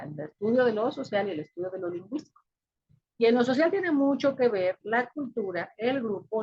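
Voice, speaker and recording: Woman, husky voice, dull lo-fi recording, patient explanatory lecture, frequent verbal check-ins. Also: medium pitch. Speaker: teacher.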